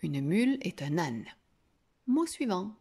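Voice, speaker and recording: Slow, mellow-voiced woman teacher. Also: lowish voice, sing-song, slightly rough. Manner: slow, drawn-out sounding of syllables. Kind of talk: reading lesson for young children.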